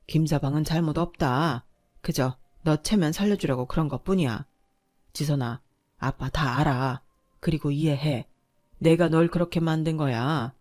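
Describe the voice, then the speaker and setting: A woman voicing a gentle, guilt-ridden older working-class father who speaks in a soft, reassuring, subdued way in a radio drama. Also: sits low, moderate pace, no echo, studio quality. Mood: heavy, apologetic.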